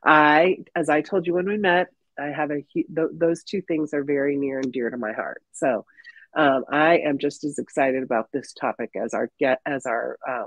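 A woman's voice: sits low, no room sound. A woman hosting an interview show over a video call, sounding congested and nasal at the tail end of covid, upbeat and chatty with many ums. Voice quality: stuffy, nasal. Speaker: podcast host. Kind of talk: casual interview chat. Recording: muffled dry video-call audio.

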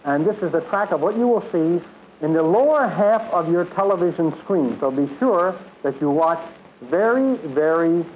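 A man's voice: a little high, expressive, moderate pace. A man giving live explanatory commentary as a television presenter. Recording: noisy, dull archival TV soundtrack.

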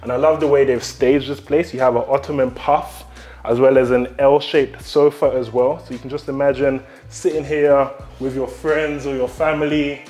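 A young man with a London accent giving an upbeat house tour, talking straight to viewers. His voice sits in a middle range and bounces around bare, echoey rooms. Soft music plays underneath. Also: mid-range voice, flat delivery, moderate pace. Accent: London English. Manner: upbeat, enthusiastic, addresses viewers directly. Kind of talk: walk-through property tour. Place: empty newly built house, indoor rooms and garden.

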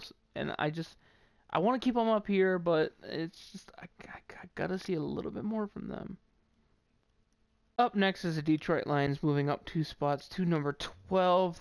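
A man's voice: fairly high pitch, vocal fry, smooth, dry recording. A man with a New England accent giving casual, opinionated sports commentary on his own, rambling and restarting sentences as he goes. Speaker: sports commentator ranking football teams.

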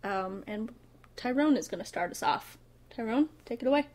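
A woman's voice: a little high, animated, moderate pace, darkish tone. A woman co-hosting a casual chat, friendly and teasing as she moves the talk along. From Northwoods of Wisconsin or Minnesota. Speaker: podcast co-host.

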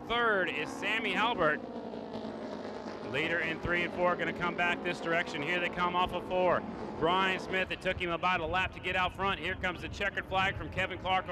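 A man commentates live on a motorcycle race with an excited, high-pitched voice. His calls are short and punchy. Loud engine and outdoor noise surrounds him. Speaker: race track announcer. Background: motorcycle race track ambience.

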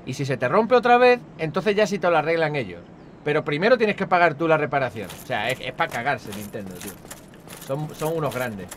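Lively Spanish gamer guy swearing. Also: a little high, brisk, a little hiss or hum. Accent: Spain Spanish. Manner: rambling, swears a lot, talks to viewers. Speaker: gaming channel host. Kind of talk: casual gameplay commentary. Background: game music.

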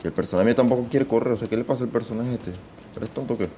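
Excitable man gaming. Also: mid-range voice, racing, a little hiss or hum. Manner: excitable, swears often, talks to himself. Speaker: gaming channel host. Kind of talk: casual gameplay commentary.

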